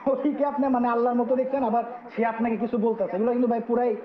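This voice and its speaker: A man's voice: very high-pitched, level tone, a little fast, crowd noise. A man hosting a heated online religious debate, correcting his guest and asking to finish his point. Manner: corrective, repeatedly asks to finish. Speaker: host of religious debate stream. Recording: muffled, roomy live-stream audio.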